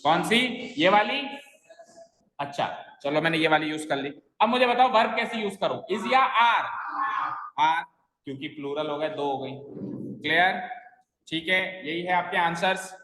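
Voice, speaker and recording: A man's voice: on the high side, sharp tone, a little hiss or hum. A man teaching a grammar lesson in a classroom, explaining step by step and quizzing his students with questions. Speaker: English teacher. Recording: echoey classroom with long reverb.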